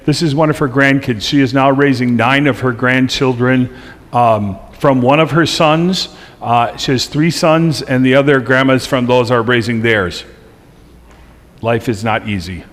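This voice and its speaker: A middle-aged pastor tells humorous stories in a chatty, easygoing way during a church presentation, laughing at his own tales. His medium-pitched, fairly bright voice moves at a measured pace, carrying a long reverb tail through the church sanctuary.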